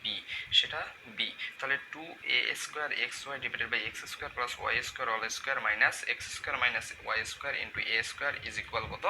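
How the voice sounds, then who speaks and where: A man's voice: mid-range voice, steady tone, a little fast. A man giving a step-by-step math lecture, asking questions and answering them himself. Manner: walks through algebra aloud, asks and answers own questions. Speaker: math tutor. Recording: noisy room sound.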